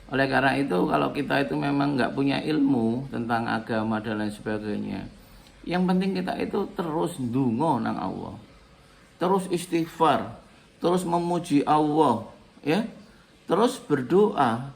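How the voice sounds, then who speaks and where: A middle-aged man giving a religious talk, praying aloud in an earnest, pleading way and letting each phrase drop softly at the end. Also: lively intonation, unhurried, creaky, slight background noise. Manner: earnest, pleading, ends phrases with soft low "ya Allah". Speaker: Islamic speaker. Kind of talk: religious talk with spoken prayer.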